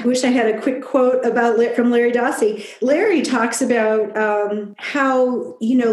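A middle-aged woman giving a thoughtful, reflective interview answer, talking at an even pace with frequent "you know.". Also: fairly high pitch, roomy sound. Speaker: guest. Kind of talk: conversational interview.

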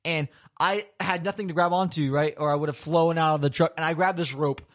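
A man's voice: fairly high pitch, a little fast. A young man from Florida hosting a casual chat, telling a rambling story full of swearing and laughter. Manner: rambling, laughing, swears a lot, animated retelling. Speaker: podcast host.

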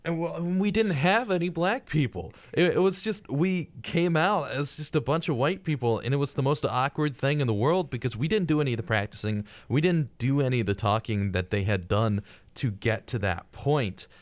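A young man co-hosting a podcast, telling stories in casual chat, getting animated and higher when excited. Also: normal speed, no echo. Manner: animated storytelling, rises in pitch when excited. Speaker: podcast co-host.

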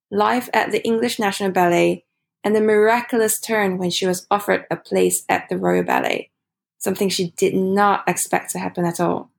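Podcast host, female, friendly and candid, with a gravelly edge of vocal fry. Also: mid-range voice. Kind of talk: podcast interview hosting.

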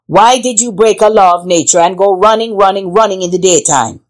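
A woman's voice: mid-range voice, a little fast, close to an everyday voice. A woman voicing a commanding male lion king who questions his animal council in a declamatory storybook style. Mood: stern, accusing. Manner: declamatory, insistent, accusing.

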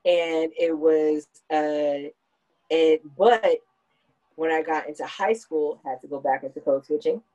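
This lo-fi clip features a woman in her thirties whose dark voice sits low and moves a little slowly. As a podcast host, she talks things over in a reflective, conversational manner and explains at length.

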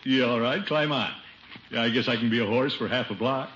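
A man's voice: medium pitch, fairly quick, a bit bright, natural voice. An American man playing a pompous, fussy, genial middle-aged uncle in an old radio comedy. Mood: jovial. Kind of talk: 1940s-50s radio comedy acting. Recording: dull noisy vintage radio recording.

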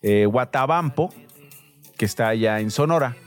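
A man's voice: medium pitch, normal speed, soft background music. A man hosting a radio show with a Mexican Spanish accent, joking and teasing in casual banter. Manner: playful, teasing, lively banter.

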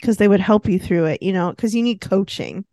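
A woman co-hosting a podcast in casual chat, coaxing and teasing her friend with lively energy. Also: medium pitch, brisk, dry recording, clean studio sound. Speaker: podcast co-host.

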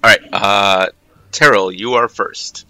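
A man's voice: on the low side, fairly even intonation, takes it slowly, pushed and bright, no echo, faint music behind. A man running a tabletop game as game master, narrating scenes and directing the players.

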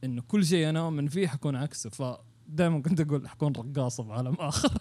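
A man's voice: fairly high pitch, a little mellow. A Saudi man chatting casually and thinking aloud, dropping English words and phrases into his Arabic. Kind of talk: casual, musing chat.

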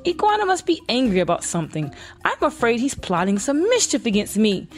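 A woman's voice: on the high side, wildly swooping pitch, fairly quick. Woman doing a big worried snake, muttering to himself, storybook reading, music behind. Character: big nervous male python.

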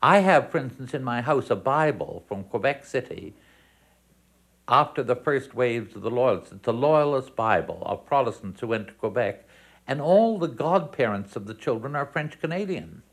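A man's voice: medium pitch, sing-song, normal speed. Musing man in an interview. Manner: musing, with "you know" and restarts. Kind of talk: interview commentary.

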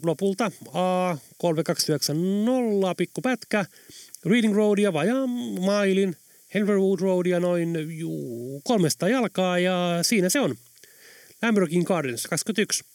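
A man's voice: high-pitched, darkish tone, no room sound, studio quality, pitched above the performer's own voice. A man voicing a cheerful male London taxi driver who rattles off routes from memory, in an audiobook. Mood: chirpy. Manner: chirpy, rattling off directions. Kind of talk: audiobook character voice.

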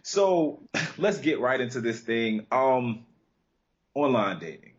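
A man's voice: medium pitch, sing-song, takes it slowly, lo-fi sound. An American man hosting a talk show in a casual, conversational way. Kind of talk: casual chat.

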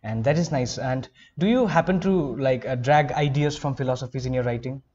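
A man's voice: medium pitch, brisk, a little mellow, highs cut off. A male interviewer asking questions in a supportive, affirming way. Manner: supportive, frequent short affirmations. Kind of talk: casual interview.

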